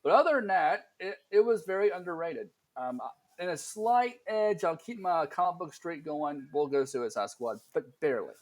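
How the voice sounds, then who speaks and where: A man's voice: fairly high pitch, very animated, moderate pace. A man co-hosting a casual podcast, wry and self-deprecating, hesitating with many ums. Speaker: podcast co-host.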